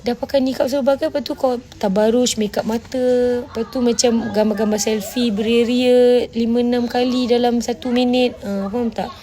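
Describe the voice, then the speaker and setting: Slightly high and warm, her voice keeps a moderate pace with few pauses and fairly even intonation. A woman with a Malaysian Malay accent, she hosts a casual livestream, bluntly answering comments and scolding viewers in mixed Malay and English, often with "faham tak?".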